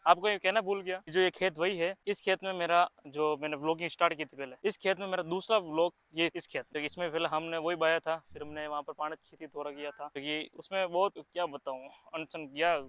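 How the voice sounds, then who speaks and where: Young male farm vlogger, quick rambling chat, bright crisp voice on a dry close handheld mic. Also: fairly high pitch, steady tone, no echo. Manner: chatty, rambling, with restarts and fillers. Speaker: farming vlogger. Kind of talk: casual outdoor vlog narration. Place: open farm field outdoors.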